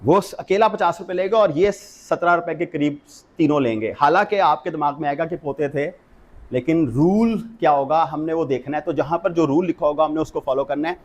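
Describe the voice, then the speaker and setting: A man's voice: a little high, a little fast. A middle-aged man with a Pakistani Urdu accent, giving a classroom law lecture and explaining step by step while mixing in English legal terms.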